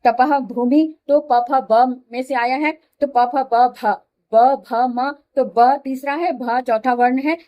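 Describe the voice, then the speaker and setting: A woman's voice: high-pitched, dark tone. A woman teaching Hindi grammar, explaining each rule step by step, repeating examples and checking that students follow. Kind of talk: classroom explanation.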